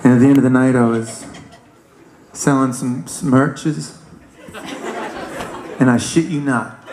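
A man, a musician, telling a story on stage into a microphone in an animated, wry way with lots of fillers. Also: mid-range voice, a little slow, background noise. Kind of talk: onstage storytelling. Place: large ballroom venue. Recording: echoey live hall with loud crowd. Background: audience laughing.

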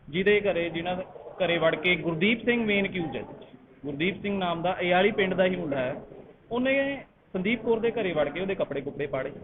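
A male advocate from Punjab explaining the case in a measured way during a street interview. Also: high-pitched, noisy background. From Punjab, India. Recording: phone-like audio with crowd behind.

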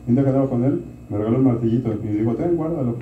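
Fast-talking preacher in a roomy hall. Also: male voice, mid-range voice, fairly even intonation, a little hiss or hum. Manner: conversational preaching, keeps asking "¿verdad?" and addressing "hermanos". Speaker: pastor. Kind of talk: sermon. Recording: distant, roomy, dull lo-fi sound.

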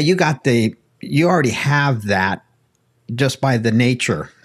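An older American man with an average-pitched voice gives casual technical advice. He speaks in a folksy, conversational way. He sits close to a desk microphone. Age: older, around 60s. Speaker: ham radio panelist. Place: home radio room, indoors, video call. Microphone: close desk microphone with headphones.

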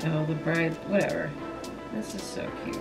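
A young woman vlogging at home, talking excitedly to her viewers in a casual, gushing way. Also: sits low, normal speed. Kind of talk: casual vlog chat to camera. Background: loud music playing.

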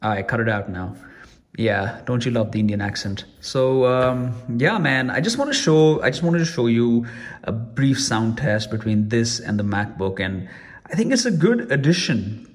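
A man's voice: medium pitch, very animated, normal speed. A man giving a casual, rambling product review at home, chatty and full of restarts. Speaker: tech reviewer. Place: room at home.

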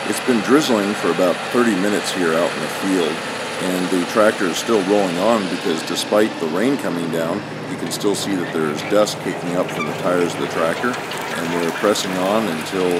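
A man giving steady, explanatory scripted voice-over narration. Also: deep voice, heavy background noise. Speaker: channel narrator.

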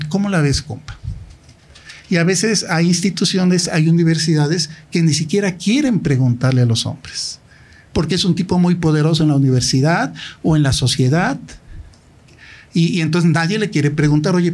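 A man's voice: on the high side, darkish tone. A middle-aged man with a Mexican accent speaking at a university talk, telling his own story candidly and directly and acting out past conversations. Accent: Mexican Spanish. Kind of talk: personal storytelling in a public talk.

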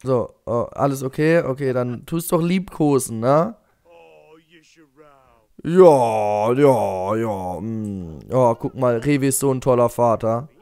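A man's voice: mid-range voice, normal speed, hardly any pauses, a little mellow, smooth. A young man commenting on his life-simulation game, chatting away to his characters and coaxing them along. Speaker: gaming YouTuber. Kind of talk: Let's Play commentary.

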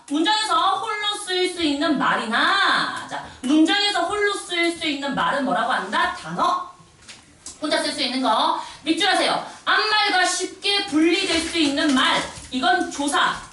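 A woman teaching a middle school Korean class in a classroom, animated and sing-song, with quick asides to her students. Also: sits high. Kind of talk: classroom lecture. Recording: echoey classroom from far off, faint noise.

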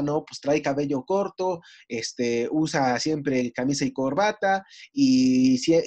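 Mexican male lecturer, slightly high-pitched, conversational teaching tone with everyday analogies. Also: darkish tone. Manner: conversational, frequent tag questions and homely analogies. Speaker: university lecturer. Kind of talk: online lecture to medical students.

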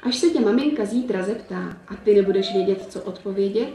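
A woman voicing a kindly old male wizard grandfather who speaks slowly and softly. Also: mid-range voice, echoey room, distant mic, close to an everyday voice. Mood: gentle.

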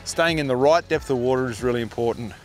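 Soft background music plays as a middle-aged Australian man with a mid-range voice talks quickly, hosting a fishing show from a small boat on open water. His instructional commentary is informal, matey and explanatory.

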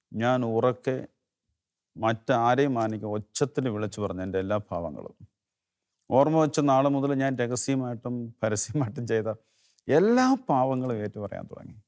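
A middle-aged man from Kerala tells his story of faith to an interviewer. He speaks earnestly in a mid-range voice, often breaking off and restarting. At the most moving points his voice drops low and quiet. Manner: earnest, halting, voice drops low when moved. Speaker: interview guest giving testimony. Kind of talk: emotional personal testimony.

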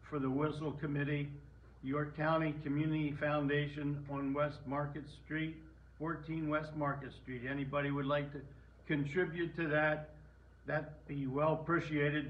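A man's voice: a little high, highs cut off. Older man, folksy and rambling. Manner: plain, folksy, rambling with restarts. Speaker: whistle player. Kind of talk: informal announcement to an audience. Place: indoor room with whistle controls on the wall.

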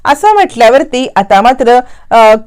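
A woman's voice: fairly high pitch, very animated, a little slow, darkish tone, smooth. A woman retelling a TV serial episode as plain storytelling, reading out what each character says. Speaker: serial recap narrator.

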